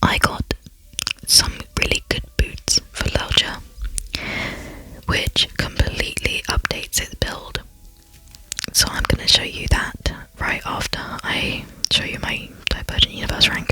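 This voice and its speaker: An ASMR channel host whispering softly while talking through gameplay, rambling and chatty with frequent fillers and self-deprecating asides. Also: a little slow, poor audio.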